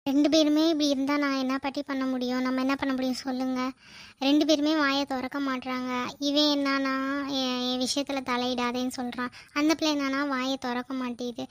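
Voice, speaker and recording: A woman voicing a resigned high-voiced village sister. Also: level tone, brisk, dry recording, lightly acted. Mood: helpless. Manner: pleading, resigned, repeats the word paatti.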